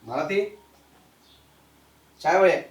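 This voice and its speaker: A man's voice: on the high side, expressive, takes it slowly, echoey room. A man with a Telangana accent playing an elder brother who speaks curtly. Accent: Telangana Telugu. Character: brusque elder son, easily misled. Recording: loud film music behind.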